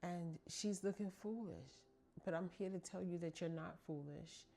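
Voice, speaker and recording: A middle-aged woman hosts a podcast, speaking to listeners in a casual, heartfelt monologue and calling them ladies and y'all. Her voice is fairly low and warm, at a normal speed, and her manner is chatty and emphatic.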